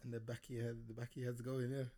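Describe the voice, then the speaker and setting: A man's voice: mid-range voice, little pitch movement, rapid-fire, mellow. A man with an urban London roadman accent, chatting casually and teasing in street slang as a co-host. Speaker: co-host of a chat show. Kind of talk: casual banter.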